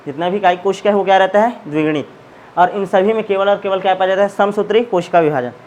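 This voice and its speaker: A man's voice: sits high, fast, darkish tone. A man teaches biology in a lecture style. He poses questions to his students and answers them himself, repeating each key term. A faint hiss sits under the recording. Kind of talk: classroom lecture with call-and-response questions.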